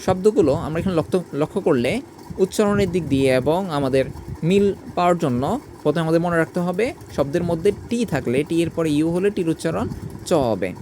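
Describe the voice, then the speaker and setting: Brief: male teacher, slightly high voice, methodical letter-by-letter delivery, clear traffic noise behind. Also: lively intonation, a little fast, a little mellow. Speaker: English teacher. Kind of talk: reading out a pronunciation lesson.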